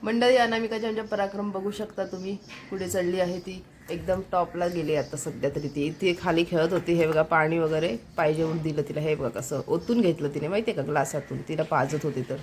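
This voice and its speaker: A woman's voice: on the low side, fairly even intonation, fairly quick, a little mellow, a little hiss or hum. A young woman filming a casual family vlog at home on a phone, chatting to viewers and pointing things out as she goes. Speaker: family vlogger. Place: small home indoors.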